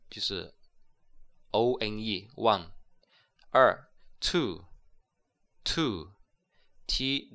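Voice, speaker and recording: A man's voice: lowish voice, sharp tone. A man giving a recorded English lesson, explaining patiently and spelling words out letter by letter. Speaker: English teacher.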